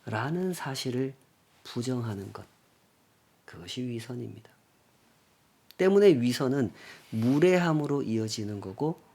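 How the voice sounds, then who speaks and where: A male pastor giving a Sunday sermon, emphatic and full of rhetorical questions, dropping from loud lines to near-whispers. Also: fairly high pitch.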